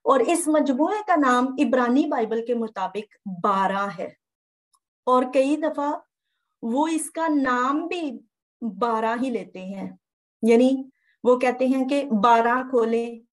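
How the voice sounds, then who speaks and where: Methodical woman teaching with a higher voice. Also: slow. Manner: methodical, repeats key terms. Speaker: Bible teacher. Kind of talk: slide-based lecture.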